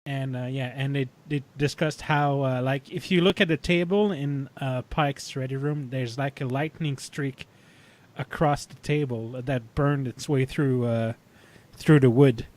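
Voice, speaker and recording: Halting, filler-heavy male podcast co-host. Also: medium pitch, darkish tone. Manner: halting, many fillers and restarts. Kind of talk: casual chat.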